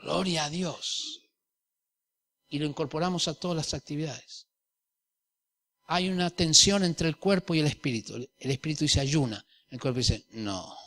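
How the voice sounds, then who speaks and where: A man's voice: fairly high pitch, moderate pace. A middle-aged man preaching a sermon, telling personal stories and acting out the dialogue in different voices. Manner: animated storyteller, acts out dialogue in varied voices. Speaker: pastor.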